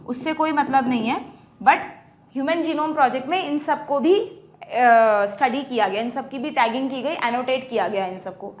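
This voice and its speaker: An Indian woman teacher working through exam questions, explaining step by step, checking in with students often and reading the question text slowly. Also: high voice, slight background noise. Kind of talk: exam solution lesson.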